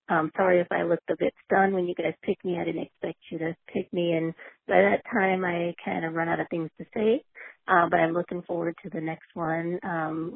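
A woman's voice: lowish voice, husky, no room sound. A woman from the American Midwest leaving a chatty, hesitant voicemail for a show, with many "um"s. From Midwestern United States. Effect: leaving a voicemail over the phone. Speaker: caller. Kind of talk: recorded voicemail message. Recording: tinny phone-line voicemail.

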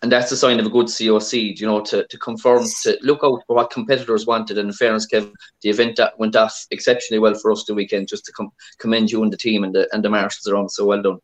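An Irish man, a historic rally competitor, talks casually as a podcast interview guest over his phone. His voice is fairly low and flat, and he talks fast.

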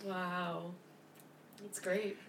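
A woman co-hosting a casual podcast, reacting with quick, profane remarks and laughs. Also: lowish voice, flat delivery, fairly bright tone, a little hiss or hum. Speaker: podcast co-host.

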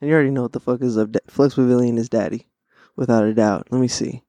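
A man's voice: medium pitch, fairly even intonation, quick pace, mellow, no echo. A young man, audibly stoned, rambling in slangy, sweary, laid-back podcast chat and repeating himself. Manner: profane, repeats phrases. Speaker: podcast host.

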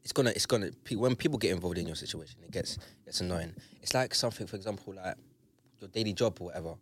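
A man's voice: low voice, fast talker, a little hiss or hum. A young man with a London roadman accent, a podcast co-host telling anecdotes in casual slang. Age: young adult.

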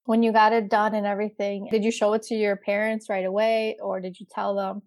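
A woman's voice: mid-range voice, level tone, fairly quick, darkish tone. A woman interviewing an author, asking attentive, sympathetic questions.

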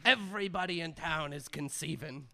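Man doing a gravelly old sailor of a mom. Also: fairly high pitch, normal speed, bright, forceful tone, heavily acted. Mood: cocky. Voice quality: gravelly, damaged-throat rasp. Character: tough old small-town brawler mother with manly sailor-like voice. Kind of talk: improvised comedy scene.

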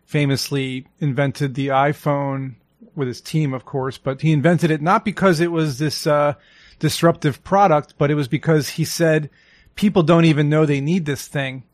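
A man's voice: on the high side, fairly even intonation, moderate pace, no echo. Male podcast host, chatty and loose, dry studio sound. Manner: chatty, rambling questions with many fillers. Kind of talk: casual interview chat.

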